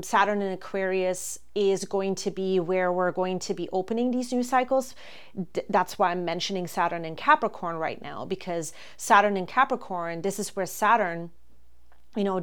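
With a clean, mid-range voice, a woman from Germany in her forties walks listeners through astrology on her solo podcast, calm but peppered with ums.

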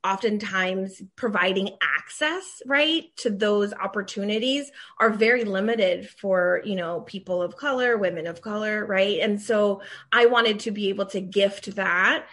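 A middle-aged woman from Maryland, a guest telling her career story in a lively, laughing, casual interview. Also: medium pitch, measured pace, few pauses. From Maryland, USA. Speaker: guest, recruiting leader.

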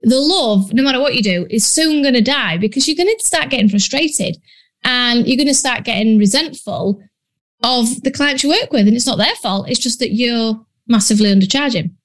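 A business coach from Yorkshire in northern England hosts a casual solo podcast, talking bluntly and chattily with lots of ums and British slang. Her Yorkshire-accented voice is on the high side, with lively intonation and normal speed.

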